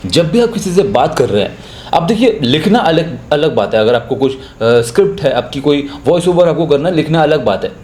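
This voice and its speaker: A man's voice: on the high side, very animated, brisk, a little mellow, echoey room. A young man with a Hindi accent, teaching voiceover in a casual, chatty spoken tutorial. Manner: chatty, explains with spoken examples.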